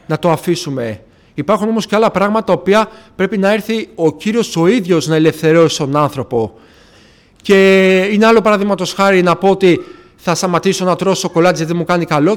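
A man from Athens giving an earnest personal faith testimony to a congregation, retelling past conversations and often addressing his listeners as brothers. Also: high-pitched. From Athens, Greece. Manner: earnest, retells conversations with frequent "I say, she says" asides. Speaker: church member giving testimony.

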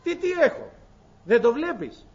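A man's voice: very high voice, big pitch swings, pitched above the performer's own voice. A man acting out a desperate young mother in the desert, asking plaintive questions in a raised voice, on a dull lo-fi recording. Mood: pleading.

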